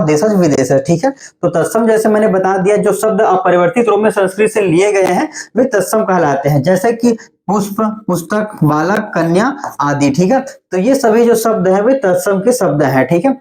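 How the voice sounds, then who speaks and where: A man's voice: sits high, a little mellow. A male teacher giving an online grammar lesson, explaining step by step and checking in after each point. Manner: explains step by step with frequent "theek hai" check-ins; slows down to list terms.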